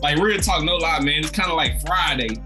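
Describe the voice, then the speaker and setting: A laid-back man with a Southern US accent and a fairly high voice tells stories, laughing often and dropping "man" into every line. Clear music plays behind him throughout the recording. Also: brisk. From Louisiana, US. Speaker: guest comedian. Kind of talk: casual podcast interview.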